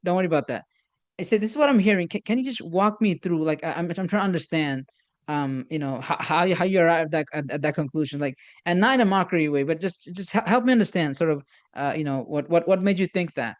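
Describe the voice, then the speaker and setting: A man with a slightly raised pitch teaches communication skills in a loose workshop style. He stumbles and restarts often, filling gaps with "um" and "you know." He acts out sample conversations and weaves in Islamic religious phrases. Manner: halting, many repeated starts and fillers; uses Islamic religious phrases and Arabic quotes. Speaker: instructor on communication. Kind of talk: informal workshop lecture.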